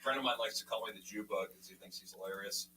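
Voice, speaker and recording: A man's voice: sits low, fast talker. A man doing a live stand-up comedy set on stage, with self-deprecating jokes. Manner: self-deprecating joke delivery. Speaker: stand-up comic. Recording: distant mic in a noisy room.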